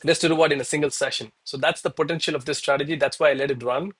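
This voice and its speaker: Higher-pitched gym-bro guy livestreaming. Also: fairly even intonation, rapid-fire, husky. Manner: bro-heavy, hyped gym-bro style talk; informal, addresses viewers as bro, man, guys. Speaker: live trading streamer. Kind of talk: casual livestream commentary to chat.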